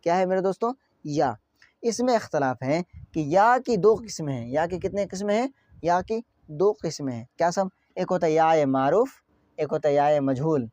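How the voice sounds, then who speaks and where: A man's voice: a little high, lively intonation, darkish tone, dry recording. Man teaching grammar, dull dry sound. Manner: drawn-out examples, repeats questions to students. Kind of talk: online grammar lesson.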